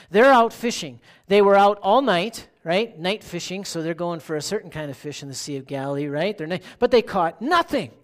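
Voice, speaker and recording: Pastor preaching in a conversational way. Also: mid-range voice. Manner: conversational, keeps asking "right?"; asks the listeners questions. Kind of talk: sermon.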